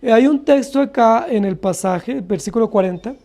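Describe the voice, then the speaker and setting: Earnest Colombian pastor preaching. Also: male voice, extremely high pitch, normal speed, mellow. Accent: Colombian Spanish. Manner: earnest, asks the congregation many rhetorical questions. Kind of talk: expository sermon.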